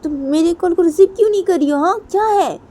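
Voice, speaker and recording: A woman voicing an angry young woman on the phone who demands answers with loud repeated questions. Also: very high-pitched, quick pace, voice pushed up. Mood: demanding.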